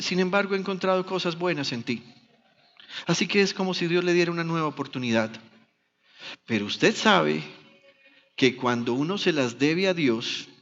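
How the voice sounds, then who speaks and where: A Colombian man preaches a sermon, acting out the voices in biblical stories. His voice sits a little high. The sound is muffled and carries a long church reverb. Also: a bit bright. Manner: dramatic storytelling, acting out biblical dialogue. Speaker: pastor.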